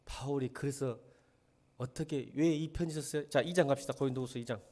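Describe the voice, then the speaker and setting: A middle-aged male pastor preaching a blunt sermon, firing rhetorical questions at his congregation and swinging from quiet talk to shouting. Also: medium pitch, fairly quick.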